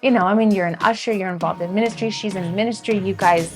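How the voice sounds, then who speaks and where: A woman's voice: mid-range voice, quick pace, faint music behind. A woman interviewing a church member, reflective and affirming about his testimony.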